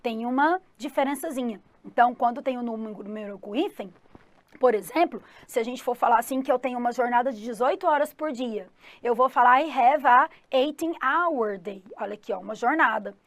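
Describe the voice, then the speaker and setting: In a close, dry recording with no room echo, a Brazilian woman with a fairly high voice and Brazilian Portuguese accent teaches an exam-prep English lesson a little fast. She's upbeat, keeps checking in with listeners, and refers to herself in third person as "the teacher."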